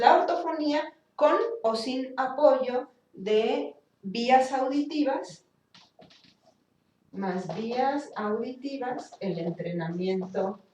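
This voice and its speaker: A woman's voice: fairly high pitch, darkish tone, slight background noise. A woman teaching a speech therapy class, explaining step by step and acting out sounds with exaggerated articulation. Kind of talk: university class lecture. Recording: echoey room, from a distance.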